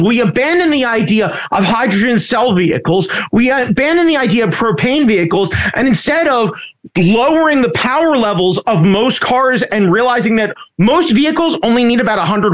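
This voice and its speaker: A man hosting a casual chat, ranting with heavy swearing and sarcastic exasperation. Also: high voice. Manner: profane, ranting.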